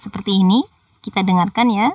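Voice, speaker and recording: A woman's voice: mid-range voice, steady tone, a little fast, dry recording, distant mic. A woman teaching Japanese in a patient, explanatory tutorial voice-over that talks straight to viewers. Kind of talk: screen-recorded tutorial explanation.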